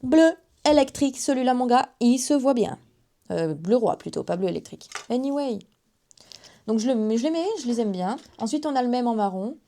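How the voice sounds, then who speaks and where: A woman's voice: fairly high pitch, expressive, normal speed, warm tone. Young woman, 19, casual beauty vlogger, rambling and self-mocking. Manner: chatty, self-mocking asides. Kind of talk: casual makeup haul chat to camera.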